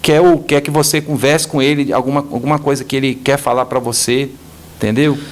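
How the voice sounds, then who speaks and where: Brazilian guy on a podcast, animated storyteller, does the voices in his stories, mid pitch. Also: fairly quick. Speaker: business owner guest. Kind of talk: storytelling interview.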